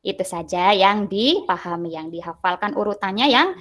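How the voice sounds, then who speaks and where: A woman's voice: mid-range voice, expressive, moderate pace, a bit bright. A woman teacher with an Indonesian accent giving an online English lesson, patiently translating each English phrase into Indonesian.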